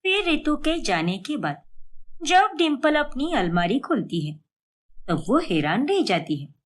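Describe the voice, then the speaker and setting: A woman narrates an animated bedtime story in a plain storytelling manner. Her voice is fairly high and lively in its rise and fall. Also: a little slow.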